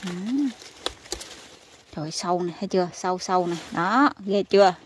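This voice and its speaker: A woman from Vietnam, chatting excitedly to her viewers as she picks vegetables in her home garden outdoors. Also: lowish voice, moderate pace, slight background noise. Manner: chatty and exclamatory, calls viewers family. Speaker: gardening vlogger. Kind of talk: casual chat to viewers while harvesting.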